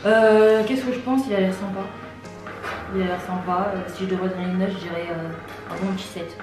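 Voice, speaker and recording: A young woman on a blind date, chatting casually in a teasing, bubbly way with loud bursts of excitement. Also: mid-range voice, a little fast. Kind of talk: casual chat. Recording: echoey room, far from mic, music behind.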